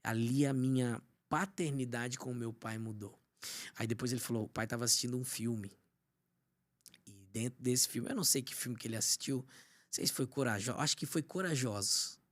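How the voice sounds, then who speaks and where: Pastor guy, emotional testimony, goes quiet and hushed a lot. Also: mid-range voice, a little fast. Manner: storytelling, often drops to a hushed voice. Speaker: pastor, podcast guest.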